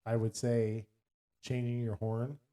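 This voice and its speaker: A man's voice: mid-range voice, takes it slowly. A man co-hosting a podcast in casual, playful chat, putting on voices when he quotes things. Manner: playful, jokey, animated when quoting. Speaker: podcast co-host.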